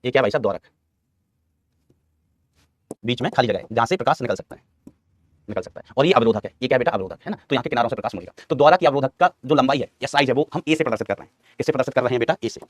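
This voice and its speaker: A man's voice: mid-range voice, rapid-fire, pauses often, no room sound. A male physics teacher giving a classroom lecture, quizzing his students, answering his own questions and repeating key terms, calling them son and brother.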